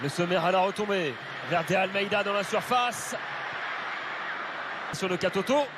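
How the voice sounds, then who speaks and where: A man giving excited live football commentary, play by play, shouting at big moments. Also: high voice, moderate pace. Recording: loud stadium crowd noise. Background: roaring stadium crowd.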